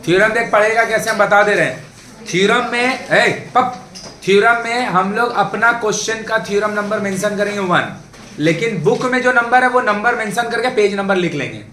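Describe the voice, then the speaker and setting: In an echoey classroom with a little background noise, a man gives a math lesson in a high-pitched, bright, forceful voice at a moderate pace. His style is conversational, and he often checks whether the class is keeping up.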